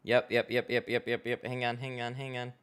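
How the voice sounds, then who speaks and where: This man's mid-range voice is monotone and brisk, with a fairly bright, clear, resonant tone. He's a window tint installer hosting a casual livestream from a tint shop garage, chatting as he works, laughing often and answering viewer questions.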